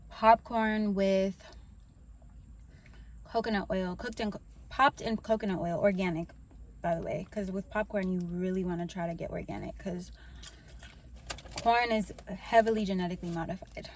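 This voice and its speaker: A young woman chatting casually in a vlog, sharing intuitive messages while she eats a snack. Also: mid-range voice. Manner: relaxed, slow and unhurried, talks while snacking.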